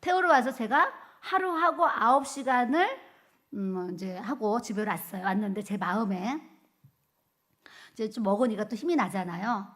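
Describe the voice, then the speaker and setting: A woman's voice: fairly high pitch, normal speed, a bit bright. A woman pastor giving a testimony sermon, telling her story vividly and acting out the quoted speech.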